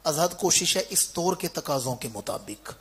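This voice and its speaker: A man preaching a sermon to a village gathering, putting questions to his listeners and answering them himself, moving between loud declaiming and quiet explanation. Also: on the high side, lively intonation. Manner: orator who quizzes the crowd and answers himself. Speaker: Islamic preacher. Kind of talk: Urdu sermon.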